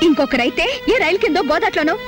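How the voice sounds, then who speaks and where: Fast-talking headstrong young woman. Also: very high voice, lively intonation. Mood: defiant. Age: young adult. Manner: quick, bold retorts. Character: headstrong, sharp-tongued unmarried young woman. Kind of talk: old film drama dialogue. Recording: film soundtrack with music underneath.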